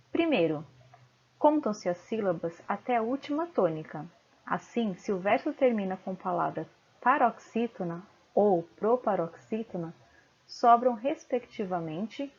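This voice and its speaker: A woman's voice: a little high, a little mellow, breathy edge, lo-fi sound. A woman teacher giving a home-recorded video lesson, patiently sounding out syllables one by one.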